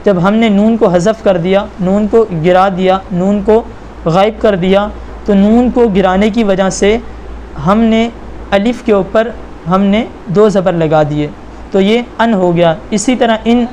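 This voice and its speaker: A man teaching a Quran reading lesson, patiently repeating points and spelling syllables out slowly for the learner. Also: high-pitched, a little mellow, a little hiss or hum. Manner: patient, repetitive explaining.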